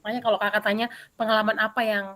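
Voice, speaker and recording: Talking rapid-fire in a mid-range voice, a female physical education teacher tells a lively, filler-heavy story while answering questions in a video-call interview.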